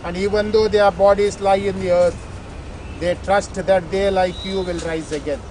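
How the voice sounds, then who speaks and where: A man reciting solemn graveside funeral prayers as a priest, in a measured, formal way. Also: high-pitched, fairly even intonation. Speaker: priest leading funeral rites. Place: outdoors at a cemetery. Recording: noisy outdoor ambience with traffic.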